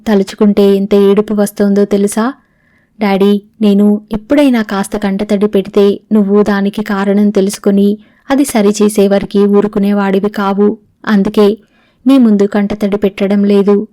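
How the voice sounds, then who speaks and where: Woman narrator voicing a dying young daughter in an audiobook, flat even delivery, mellow tone. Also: medium pitch, no echo, studio quality, close to an everyday voice. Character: young woman, terminally ill, writing to her father. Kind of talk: audiobook reading of a novel.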